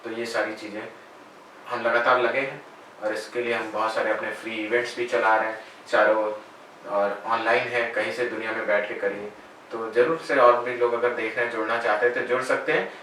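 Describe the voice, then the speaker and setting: A man who works as a spiritual guide and meditation teacher, giving calm, measured answers in an interview. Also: on the low side. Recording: very echoey room, voice far from mic, faint noise.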